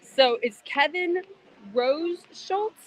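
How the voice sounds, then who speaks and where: Female live host, casual interviewer, gushing delivery, slightly high pitch. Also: animated, extremely slow, low-quality recording. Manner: gushing, effusive.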